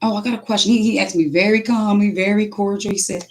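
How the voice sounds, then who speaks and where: A mother speaking casually, telling an animated spiritual testimony full of restarts and acted-out quotes. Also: medium pitch, quick pace.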